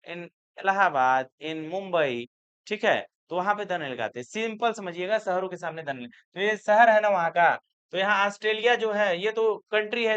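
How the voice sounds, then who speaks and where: A man's voice: sits high, fairly bright tone, smooth. Patient male grammar teacher, dull recording. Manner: explains slowly, repeats words and asks questions back. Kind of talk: board exam grammar lecture.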